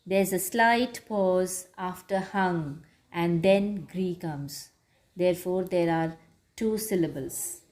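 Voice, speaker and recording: A woman teacher giving a patient grammar lesson to children, repeating words slowly and clearly. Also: mid-range voice. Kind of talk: slow classroom grammar lesson.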